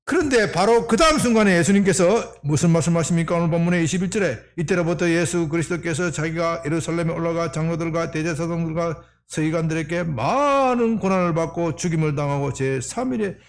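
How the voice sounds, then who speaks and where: A man's voice: fairly high pitch, fairly quick, hardly any pauses. A male senior pastor preaching a Sunday sermon, asking the congregation rhetorical questions.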